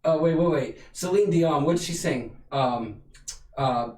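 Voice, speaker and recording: A man's voice: a little high, a little slow, a little mellow. A man co-hosting a goofy livestream chat, playfully breaking into song and stammering while he searches for words. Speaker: co-host. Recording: roomy livestream audio from a distance.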